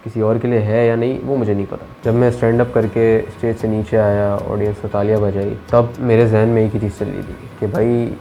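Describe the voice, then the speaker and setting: A man's voice: fairly low pitch, little pitch movement, a little fast, hardly any pauses, dark tone, lo-fi sound, slight background noise. A young man vlogging about his first stand-up comedy, talking conversationally as a self-described introvert and slipping into English phrases. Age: young adult. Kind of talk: reflective storytelling.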